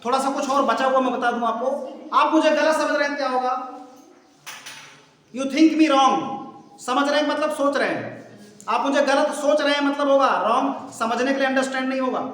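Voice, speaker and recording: A man's voice: extremely high pitch, fairly bright tone. A man with an Indian accent teaching spoken English in a patient, repetitive way, drilling example sentences over and over. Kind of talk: bilingual spoken English lesson. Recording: echoey room with long reverb.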